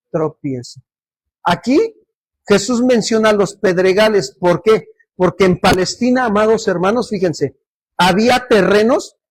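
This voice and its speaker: During a church service, a high-voiced pastor delivers his sermon and frequently asks the congregation questions, waiting for their responses. The sound is dry.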